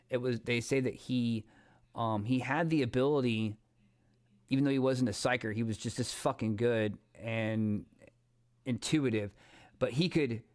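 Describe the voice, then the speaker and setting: Rambling, profane gaming streamer man. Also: medium pitch. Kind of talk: casual gameplay commentary.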